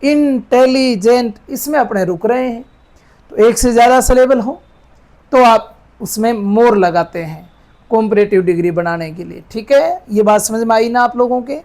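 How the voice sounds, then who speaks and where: A man's voice: extremely high pitch, a little mellow. Patient man teaching grammar. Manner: patient, repeats and dictates slowly, checks if students follow. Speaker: English teacher. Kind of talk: Hindi-medium grammar lesson.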